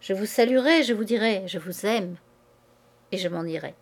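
A woman's voice: mid-range voice, moderate pace, natural voice. A woman reading aloud, voicing an ardent young man who urgently presses a married woman to see him. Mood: pleading. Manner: urgent, insistent pleading.

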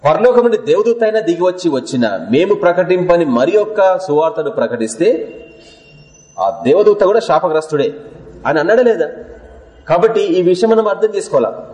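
A man's voice: sits high, lively intonation, moderate pace, a little mellow. A man preaching a sermon, asking rhetorical questions and acting out quotes. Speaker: pastor. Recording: echoey hall reverb.

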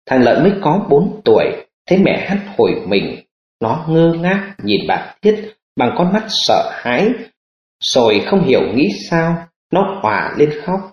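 A man narrating an audiobook in an expressive storytelling manner. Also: fairly high pitch, measured pace. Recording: roomy lo-fi audiobook recording.

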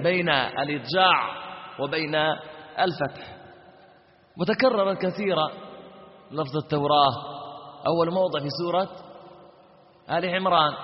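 A man with a Libyan Arabic accent teaching Quran recitation. He asks his students questions and answers them himself, then drills each sound by chanting it slowly and repeating it. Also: a little high. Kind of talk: recitation lesson with chanted examples. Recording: dull lo-fi audio with long hall reverb.

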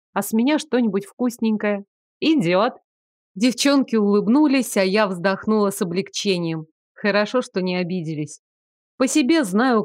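Expressive woman audiobook narrator. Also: mid-range voice, no room sound, clean studio sound. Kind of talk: first-person audiobook narration.

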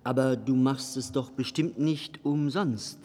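A man's voice: mid-range voice, fairly even intonation, measured pace, mellow, lightly acted. A man playing a poor, anxious old barrel organ player, talking in a pleading way. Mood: sad. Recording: long reverb with faint music behind.

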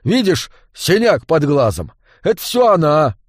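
A man voicing a drunk, bearded male tavern keeper who talks loudly and rambles, in a dry recording. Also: a little high, very animated, measured pace, no echo. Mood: complaining. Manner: tipsy, loud and rambling. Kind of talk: audiobook character voice.

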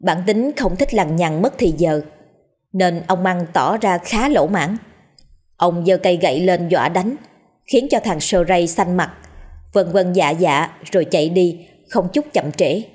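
A woman telling a scripted ghost story in a steady, dramatic storyteller's manner. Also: fairly low pitch, measured pace, slightly rough. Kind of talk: scripted horror story narration.

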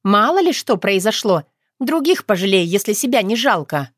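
A woman reader voicing an angry, bossy young woman who scolds in a sharp, raised voice. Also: a little high, big pitch swings, moderate pace, no echo, clean studio sound, voice pushed up. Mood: angry scolding.

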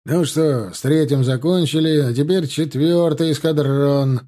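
A man's voice: on the high side, measured pace, warm tone, natural voice. A man voicing a brusque army major who barks names and orders impatiently in a storybook reading. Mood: dismissive. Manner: barking, impatient.

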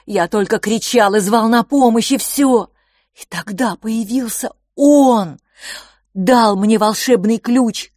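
A woman voicing an impassioned young boy, a dreamer quick to anger, pleading near tears in an audiobook. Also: medium pitch, darkish tone, no room sound, studio quality, lightly acted. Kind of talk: audiobook character voice.

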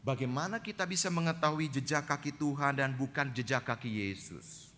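A man's voice: medium pitch, normal speed, sharp tone. A man preaching a sermon as a pastor in a church, dramatic and acting out quoted dialogue. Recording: reverberant church hall, faint noise.

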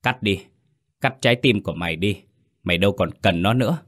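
A man voicing a sinister, grinning corpse that quickly taunts in a horror story. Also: lowish voice, a bit bright. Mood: taunting.

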